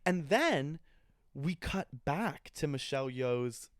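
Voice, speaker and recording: A man co-hosting a podcast, chatting excitedly about a film with many fillers. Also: on the high side, slow, no room sound, clean studio sound. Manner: excitable, talks over partner, many fillers. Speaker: podcast co-host. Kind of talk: casual chat, film review.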